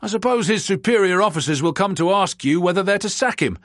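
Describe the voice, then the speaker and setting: A man's voice: high-pitched, animated, quick pace, a bit bright, no room sound, studio quality, voice pushed up. A man voicing a sardonic male convict who makes casual, mocking remarks. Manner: offhand and sardonic.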